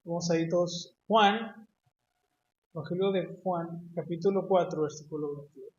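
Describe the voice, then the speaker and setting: A man's voice: sits high, normal speed, darkish tone, echoey room, muffled recording. A man with a Mexican accent preaching a sermon, teaching his congregation and often asking them questions. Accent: Mexican Spanish. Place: church hall.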